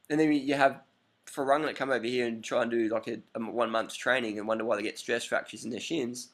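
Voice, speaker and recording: A man in his thirties giving blunt, animated advice in a casual to-camera monologue, full of rhetorical questions. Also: medium pitch, vocal fry. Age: 30s. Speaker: vlogger. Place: lives in Bangkok.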